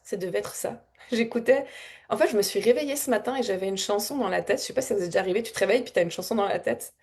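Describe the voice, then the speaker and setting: Emotional, meandering woman spiritual coach. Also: fairly high pitch. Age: adult with a child. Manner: meandering, warm-hearted and emotional, often laughing and repeating words. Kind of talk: casual spontaneous reflective talk.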